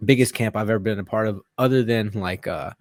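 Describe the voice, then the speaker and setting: A man's voice: fairly low pitch, brisk, no echo, clean studio sound. A man guest in a casual interview, telling stories in a rambling way with lots of fillers and swearing. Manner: rambling, profane storytelling with many fillers. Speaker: guest fighter.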